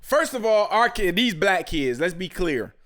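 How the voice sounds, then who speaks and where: A man's voice: sits high, big pitch swings, a little slow, a bit bright. A man hosting a podcast, giving blunt, emphatic commentary full of street slang. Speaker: podcast host. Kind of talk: casual commentary.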